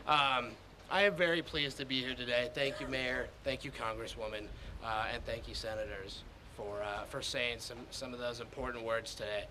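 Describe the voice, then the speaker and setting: A man's voice: medium pitch, fairly even intonation, moderate pace, background noise. A man who is a federal grant official, giving earnest, somewhat repetitive remarks at an outdoor event. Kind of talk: public remarks.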